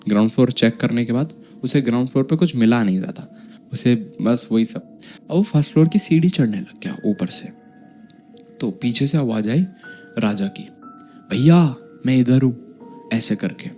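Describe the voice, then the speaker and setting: A man's voice: mid-range voice, expressive, normal speed, mellow, faint music behind. A man telling a horror story in a casual, chatty way, with asides to his listeners.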